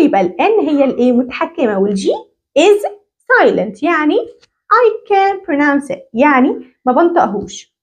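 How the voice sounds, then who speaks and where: A woman with an Egyptian accent giving a teacher-training English lesson. She asks questions and answers them herself, and repeats English words slowly. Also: sits high, highs cut off. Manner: animated, drawing out English words slowly for repetition.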